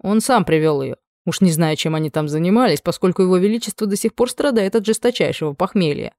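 A woman reading the part of a commanding noble dragon lord, speaking low, hushed and soft. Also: lively intonation, quick pace, dry recording, studio quality.

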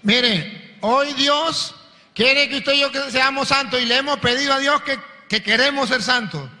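A man, a priest preaching a sermon, telling a story and acting out its voices with lively energy. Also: very high voice, measured pace, in a large hall.

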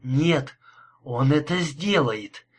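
Man putting on a frightened young woman, faltering, raised pitch, husky, audiobook. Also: expressive, very slow, heavily acted. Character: terrified young woman, faint and breathless.

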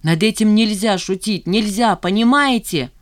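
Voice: medium pitch, moderate pace, dry recording, studio quality, pitched above the performer's own voice, natural voice. A reader voicing a distraught young woman. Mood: desperate. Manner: pleading, exclamatory. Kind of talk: audiobook character voice.

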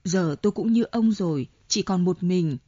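A woman voicing a frightened, insistent older woman who pleads breathlessly in a high voice, on a dull lo-fi audiobook recording. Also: moderate pace, dark tone, no echo, natural voice. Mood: pleading.

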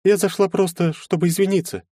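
Man voicing a young woman, shy, bashful, high soft voice, dry studio sound. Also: steady tone, fairly quick, no room sound. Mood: apologetic.

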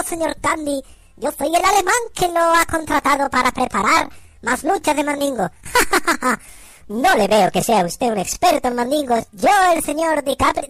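A woman voicing a cartoonish nut character who hams up a comic film retelling with squeaky, exaggerated voices. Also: lively intonation, moderate pace, a bit bright, no echo. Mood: hammy.

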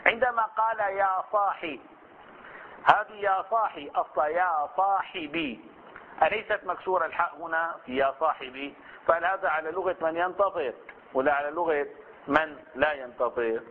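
Man, lesson, patient explainer, slightly high voice, tinny lo-fi band, faint hiss. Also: brisk. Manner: explains patiently, asks and answers his own questions; slips into colloquial Levantine Arabic asides. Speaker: Islamic scholar teaching inheritance law. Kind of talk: recorded study-circle lesson.

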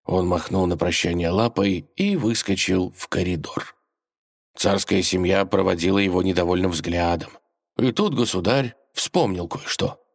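A man with a low, deep voice narrating an audiobook. His delivery is playful and ironic, like telling a fairy tale with a wink. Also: moderate pace, vocal fry.

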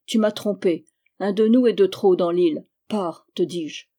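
A woman's voice: medium pitch, measured pace, lightly acted. A woman reading as a jealous, furious island man. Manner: hushed, threatening.

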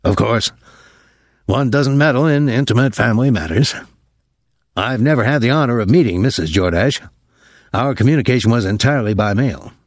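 In an audiobook, a man voices an older military academy colonel who is nervous and apologetic, speaking formally and haltingly with some embarrassment. His mid-range voice is expressive and close to everyday speech, recorded with clean studio sound and no echo.

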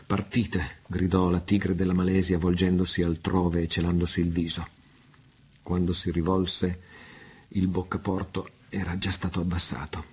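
Deep, husky male storyteller. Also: monotone, a little mellow. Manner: measured, unhurried storytelling. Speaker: reader. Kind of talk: audiobook narration.

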